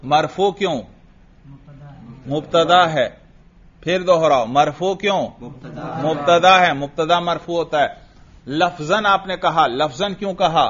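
A man teaching Arabic grammar in a slow, patient way, quizzing students with repeated questions and drills. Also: on the high side, fairly bright tone, lo-fi sound. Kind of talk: classroom grammar lesson with drills.

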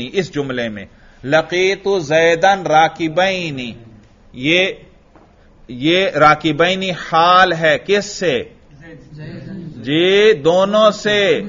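Male teacher going over grammar real slow, keeps asking then answering himself, muffled lo-fi recording. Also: a little high, fairly bright tone. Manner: slow, drilling with questions and answering them. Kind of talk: classroom lesson. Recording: dull lo-fi recording.

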